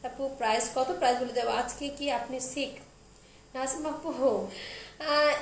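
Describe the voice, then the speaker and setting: Young Bangladeshi woman, high voice, gentle slow delivery, live-stream seller; roomy phone sound, faint hiss. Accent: Bangladeshi Bengali. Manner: speaks slowly and softly, reading out viewers' comments. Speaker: online clothing seller hosting a live sale. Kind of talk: casual live-stream sales talk. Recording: roomy echo with faint background noise.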